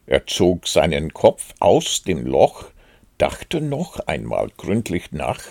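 A man reading a children's storybook aloud in a measured storytelling cadence. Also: low-pitched, huge pitch swings, creaky, a little mellow, no echo, clean studio sound. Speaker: narrator.

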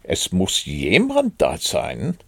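A man's voice: low voice, huge pitch swings, slow pace, vocal fry, a bit bright, breathy edge, no room sound, clean studio sound, heavily acted. A man voicing a naive, cheerful toy bear in a storybook reading, talking earnestly. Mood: calling, puzzled. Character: cheerful, simple-minded male toy bear.

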